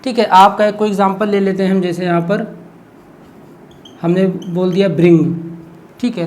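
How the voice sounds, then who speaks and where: High-voiced man teaching. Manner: explains step by step, keeps asking "what is it?" and answering, frequent "okay". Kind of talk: exam-prep lesson.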